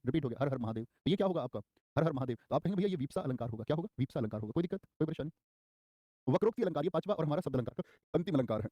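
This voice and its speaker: Fast-talking young man teaching grammar. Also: a little high, dry recording, clean studio sound. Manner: energetic, repeats key terms and quizzes students; acts out short quoted lines in a raised voice. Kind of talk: live online exam-prep class.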